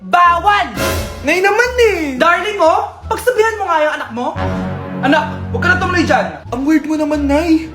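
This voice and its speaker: A woman's voice: high voice, lively intonation, a little fast. A woman acting out comedic family skits, switching between a scolding mother and her children. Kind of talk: comedic skit playing several family roles. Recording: echoey room with music.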